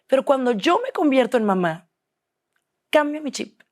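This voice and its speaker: A woman's voice: high voice, big pitch swings, moderate pace. A young woman with a Mexican accent, a guest in an interview, talking candidly and quoting herself and others often. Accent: Mexican Spanish.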